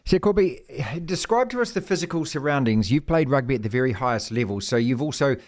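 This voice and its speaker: A man's voice: medium pitch, lively intonation, quick pace. A man hosting a sports talk interview, effusive in his praise for the guest. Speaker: sports radio host.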